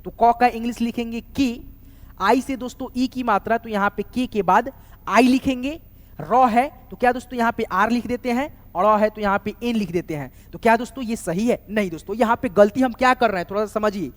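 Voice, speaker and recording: A man's voice: extremely high pitch, fairly quick. Man teaching in a hall. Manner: keeps saying "doston" and "theek hai", spells words out letter by letter. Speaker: English teacher. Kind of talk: spoken lesson with repetition. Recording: reverberant room recording.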